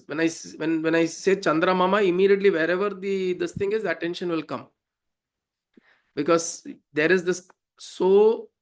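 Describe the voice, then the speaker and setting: A man with a South Indian accent explaining devotional verses as a teacher, in an informal, didactic way with frequent check-in questions. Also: high voice. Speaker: teacher of Sanskrit devotional hymns.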